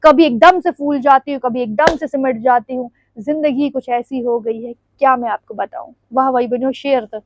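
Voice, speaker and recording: A young woman with a high voice speaks at a moderate pace with few pauses, in a low-quality recording without echo. Standing before the camera at home, she vlogs in a rambling, confiding way and laughs often as she chats.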